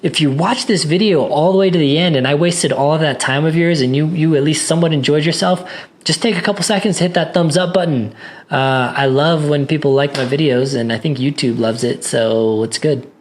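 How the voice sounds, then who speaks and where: A man's voice: on the high side, brisk, few pauses. A man talking casually to viewers in a tech review vlog, rambling with many restarts, his voice a little worn.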